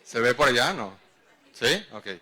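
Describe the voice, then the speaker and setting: A man's voice: medium pitch, animated, a little slow, pushed and bright, husky. A man with a Mexican accent giving a public lecture, engaging the audience with questions. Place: lecture hall.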